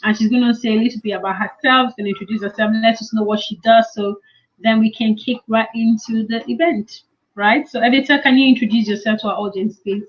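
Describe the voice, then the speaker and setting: A woman's voice: on the high side, fairly even intonation, fairly quick. Encouraging woman host, lo-fi sound. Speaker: host and author. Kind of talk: online event chat.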